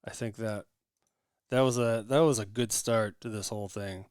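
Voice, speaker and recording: A man's voice: fairly low pitch, fairly even intonation, normal speed, darkish tone, smooth, dry recording, studio quality. A man hosting a casual podcast, laughing often and talking loosely with restarts. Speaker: podcast host.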